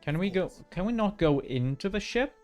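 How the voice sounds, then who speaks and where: A man's voice: sits high, expressive, moderate pace, a little mellow. A man doing casual video game commentary, sometimes muttering to himself and reading on-screen text aloud in a hesitant way. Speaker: gaming streamer. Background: faint game music.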